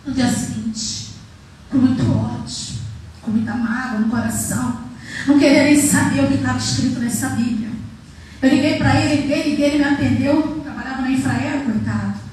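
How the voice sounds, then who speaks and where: Woman preacher, high voice, dramatic testimony, echoey church hall from a distance. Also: steady tone, moderate pace, slight background noise. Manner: emotional storytelling, acts out dialogue, swings from soft to loud. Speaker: missionary preacher. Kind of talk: testimony sermon.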